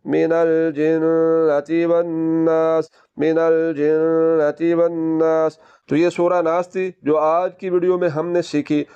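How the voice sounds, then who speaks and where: A patient man teaching tajweed step by step, voice pitched a little high and kept flat and even. His tone is mellow and smooth, and he repeats each word slowly in drawn-out recitation. The recording is slightly dull and lo-fi.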